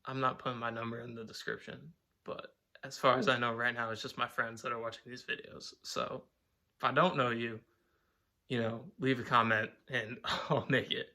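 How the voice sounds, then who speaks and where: This young guy's home vlog is a loose, meandering talk to camera, peppered with swearing and constant "like"s. He speaks at normal speed with a medium, level pitch and a bright, forceful edge.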